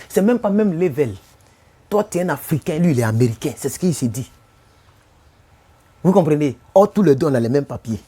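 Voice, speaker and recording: A fairly high, warm-toned male voice with an Ivorian French accent belongs to a man from Côte d'Ivoire chatting casually on a live stream. Prone to repeating himself, he keeps turning to viewers with rhetorical questions about whether they follow him.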